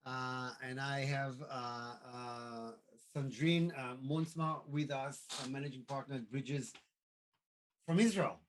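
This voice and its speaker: A man hosting a live online interview, talking in a halting way with many fillers and restarts. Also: medium pitch, fairly even intonation, poor audio. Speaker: host.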